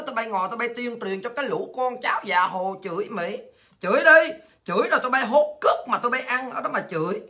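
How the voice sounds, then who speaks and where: A woman hosting a heated political monologue, coarse and insulting, with shouted taunts. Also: mid-range voice. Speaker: political commentary host.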